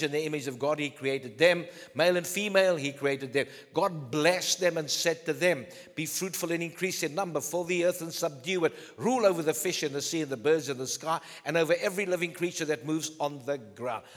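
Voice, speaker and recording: A male pastor preaching a sermon emphatically, swinging between loud declarations and low, intense tones. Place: church hall. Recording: long hall reverb.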